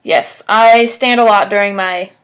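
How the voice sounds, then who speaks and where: A woman in her twenties answers job interview questions over the phone from a desk in a small room at home, keeping it casual and conversational and often using "like" as filler. Her mid-range voice is clean in tone, fairly even in intonation, and a little slow.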